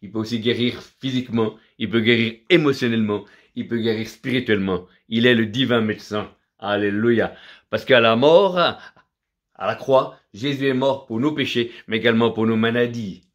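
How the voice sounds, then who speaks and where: A man's voice: medium pitch, moderate pace. A middle-aged man, from Vietnam, preaching a fervent sermon full of repetition and alleluias.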